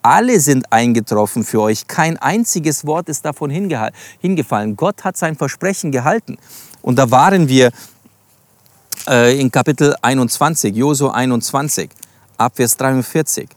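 A man's voice: medium pitch, expressive, normal speed, no echo. A man teaching from the Bible in a sermon, reading verses aloud and explaining them, stressing single words and addressing his listeners directly. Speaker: preacher.

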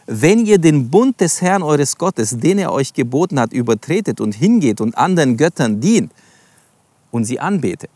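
A man's voice: a little high, sing-song, normal speed, mellow, dry recording. A man teaching from the Bible in a sermon, reading verses aloud and explaining them, stressing single words and addressing his listeners directly. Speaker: preacher.

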